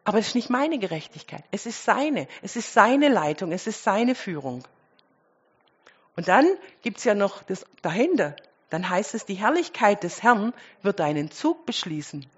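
A woman preaching a sermon, speaking straight to her congregation with rhetorical questions and moving between loud emphasis and quiet asides. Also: medium pitch, very animated, moderate pace, breathy edge, dull audio.

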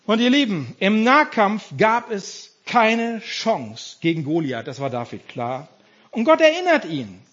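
A man preaching an animated, emphatic sermon as pastor, speaking directly to his congregation. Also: high-pitched, unhurried, lo-fi sound.

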